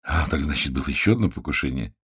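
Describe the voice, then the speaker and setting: A man's voice: a bass voice, lively intonation, fast, fairly bright tone, breathy edge, no room sound, clean studio sound, pitched below the performer's own voice, heavily acted. A man voicing a fussy, precise middle-aged Belgian detective in an audiobook, pompous and pedantic. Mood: measured.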